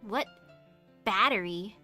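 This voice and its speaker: A woman's voice: medium pitch, slow pace, pushed and bright, faint music behind. A woman streamer chatting casually and giggling while reading a game's text aloud. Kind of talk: casual game stream commentary.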